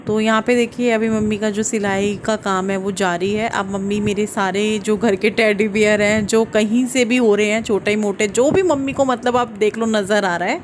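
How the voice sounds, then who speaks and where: A woman's voice: mid-range voice, steady tone, normal speed, few pauses. Woman, 30s, Uttarakhand Hindi accent, casual vlogger who rambles and restarts sentences; faint hiss. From India. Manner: chatty, explaining at length, restarts mid-sentence. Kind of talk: casual vlog voice-over.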